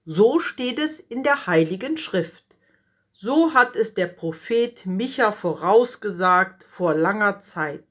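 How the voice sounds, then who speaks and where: A woman's voice: mid-range voice, animated, slow pace, a bit bright. Solemn priests and scholars reciting what their scripture says, as a woman storyteller puts them on. They speak in a raised, instructive tone.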